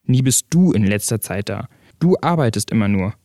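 A man's voice: lowish voice, expressive, normal speed, dark tone, dry recording, clean studio sound. A man voicing an upset, stubborn young boy in a story reading, his voice rising and pleading.

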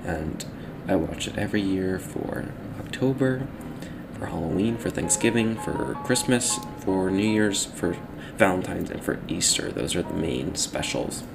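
A young man hosting a casual solo podcast, talking in a halting, rambling, self-correcting way, with a slightly metallic, robotic sound from the microphone. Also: low voice, animated, vocal fry, music in the background, low-quality recording. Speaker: podcast host.

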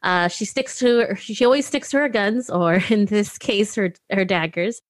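A woman's voice: mid-range voice, moderate pace, no echo. A woman in a casual podcast debate, talking through her pick with fillers and self-mocking asides.

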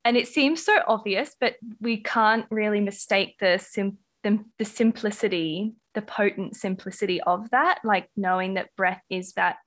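A woman's voice: mid-range voice, moderate pace, hardly any pauses. A woman with an Australian accent hosting a podcast interview, effusive and full of ums. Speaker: podcast host.

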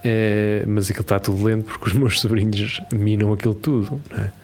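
Animated Portuguese man chatting casually. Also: on the low side, fairly quick, a little hiss or hum. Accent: European Portuguese. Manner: animated, laughing, slangy, acts out quoted voices. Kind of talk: casual chat.

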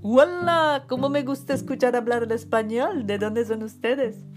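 Charming young Tunisian man, voiced by a woman, raised bright tone, flattering, guitar music. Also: on the high side, moderate pace, pitched above the performer's own voice, natural voice. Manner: flattering, mixes in French words. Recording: guitar music playing behind.

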